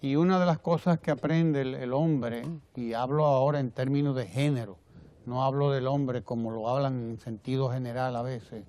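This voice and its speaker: A man with a Dominican Spanish accent giving televised opinion commentary, measured and often rephrasing himself. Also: mid-range voice, steady tone, dark tone, dry recording. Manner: measured, repeats and rephrases phrases. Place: TV studio.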